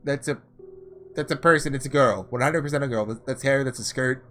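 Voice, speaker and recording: A gaming video host with a mid-range voice talks briskly over faint music. He's doing a casual playthrough, reading visual novel text and musing aloud in an informal way.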